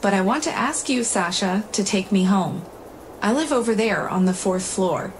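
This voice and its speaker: A woman voicing a frail, lonely old grandmother who speaks softly and weakly, with faint noise in the recording. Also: medium pitch, lively intonation, normal speed, lightly acted. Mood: weary. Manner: soft, weak-voiced.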